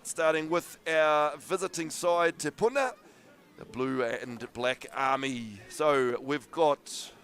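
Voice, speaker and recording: A man's voice: fairly high pitch, a bit bright. A man with a New Zealand accent giving conversational live rugby commentary as a co-commentator.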